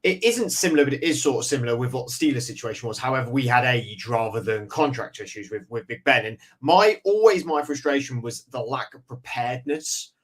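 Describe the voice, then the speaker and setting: A man's voice: mid-range voice, brisk, hardly any pauses. A man co-hosting a casual sports podcast, eager, listing facts with stumbling restarts. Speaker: podcast co-host.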